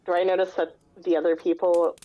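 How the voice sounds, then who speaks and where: A woman playing in a tabletop game, chatting in a relaxed, playful way. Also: on the low side, a little fast, no echo. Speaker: player. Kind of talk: casual chat at a game table. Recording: dull, dry lo-fi mic.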